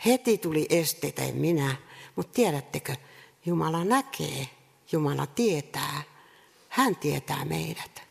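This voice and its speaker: A woman preaching a sermon earnestly, repeating rhetorical questions and pausing between phrases. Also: low-pitched, expressive, vocal fry, breathy edge. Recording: reverberant hall sound.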